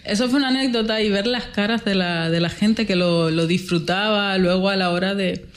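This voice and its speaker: A woman's voice: mid-range voice, moderate pace. A woman from the Republic, talking emphatically as a guest organizer and repeating words for stress. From Dominican Republic. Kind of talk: casual interview talk.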